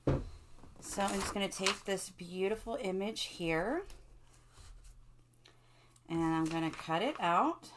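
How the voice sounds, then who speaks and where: A woman's voice: medium pitch, slow pace, long pauses, slight background noise. A middle-aged woman hosting a casual crafting tutorial, chatting to her viewers and asking them questions as she works. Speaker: craft video host.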